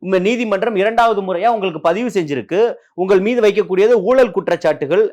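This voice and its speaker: Man, high-pitched, combative, rhetorical questions, political interview guest. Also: fast, a little mellow.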